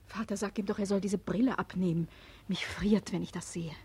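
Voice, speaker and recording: An actress playing a frightened daughter who pleads in a hushed voice. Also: female voice, medium pitch, steady tone, brisk, a little hiss or hum, close to an everyday voice. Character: frightened young daughter, anxious.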